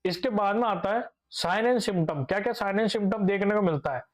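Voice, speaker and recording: A young man with a high voice teaches nursing at a quick pace, lecturing patiently and repeating each key term several times. He poses questions to the class and answers them himself, slipping English medical words into his speech.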